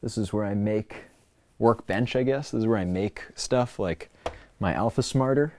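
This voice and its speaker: Hosting a casual livestream in his personal indoor workspace, a man rambles playfully, show-and-tell style. His voice is fairly low and a little mellow at a moderate pace, captured in a clearly noisy room recording with clicks.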